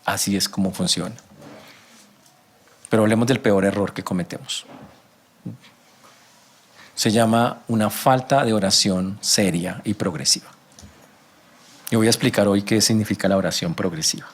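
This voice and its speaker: A man preaching a sermon as a pastor, animated, asking rhetorical questions and acting out everyday conversations. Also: moderate pace, pauses often, slightly rough. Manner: rhetorical questions, rising to emphatic pitch.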